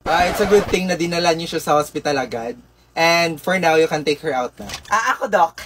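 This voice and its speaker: A woman's voice: deep voice, expressive, a little fast. A young woman acting in a comedy sketch, chatting and explaining a sponsor's offer. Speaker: comedy skit performer. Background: background music.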